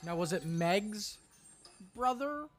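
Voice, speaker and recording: A man's voice: sits high, slow, faint music behind. A man co-hosting a casual movie podcast, joking and laughing often as he reacts. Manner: animated, jokey, laughs often. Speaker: podcast co-host. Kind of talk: casual movie-watching chat.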